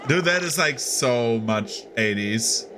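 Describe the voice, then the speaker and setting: A man's voice: mid-range voice, slow, noisy background. A man streaming casually, reacting to a film with lots of laughter and swearing. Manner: excitable, laughs often, swears a lot.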